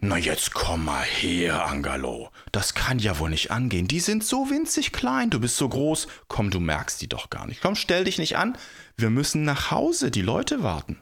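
A man voicing a group of impatient villagers coaxing a giant in a storybook tale, talking brisk and persuasive. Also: a bass voice, lively intonation, pushed and bright, breathy edge, heavily acted.

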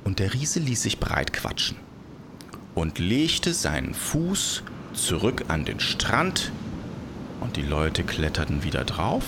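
A man telling a fairy tale in a gentle, chatty way, adding little tag questions. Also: low voice, wildly swooping pitch, takes it slowly, creaky, background noise. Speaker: storyteller. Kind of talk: freely told fairy tale narration.

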